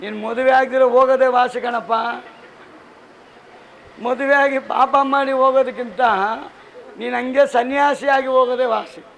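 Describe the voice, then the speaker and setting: Male pastor, church sermon, very high voice, gravelly edge, fervent with jokes. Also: steady tone, normal speed, pauses often, a bit bright, slight background noise, rough recording. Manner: fervent preaching with joking asides; emphatic repeated scripture quoting. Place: church service.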